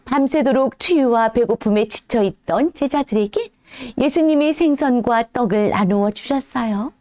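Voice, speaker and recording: A woman as a children's church teacher, telling a Bible story to toddlers in a gentle, animated way. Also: a little high, moderate pace, dry recording, studio quality.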